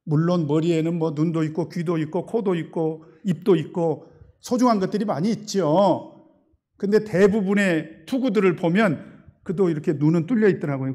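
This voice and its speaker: A male pastor delivers a sermon in a high voice. He is emphatic and swings between loud and soft. He often poses rhetorical questions and leads the congregation in reading.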